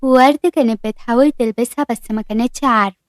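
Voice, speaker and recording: Fast-talking Egyptian woman storyteller. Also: on the high side, steady tone, no room sound, studio quality. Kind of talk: scripted story narration.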